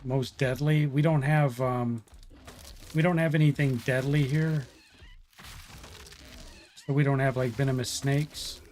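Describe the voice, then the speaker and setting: A man's voice: mid-range voice, fairly even intonation, a little slow, pauses often, darkish tone, a little hiss or hum. A middle-aged man from Ohio who works in wildlife removal, chatting casually and telling stories with lots of fillers and restarts. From Ohio, USA. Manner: folksy storyteller, many fillers and restarts. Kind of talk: casual livestream chat.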